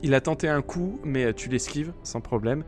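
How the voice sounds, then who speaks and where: A man's voice: mid-range voice, moderate pace, faint music behind. A French man narrating as game master, explaining dice rolls with many fillers and restarts.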